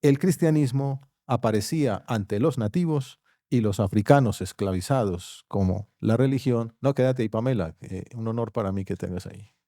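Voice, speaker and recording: A man from Colombia with a Colombian accent, giving an academic lecture at a university conference, measured in delivery and dropping into quiet asides. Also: medium pitch, dry recording, studio quality. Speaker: conference speaker. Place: university auditorium.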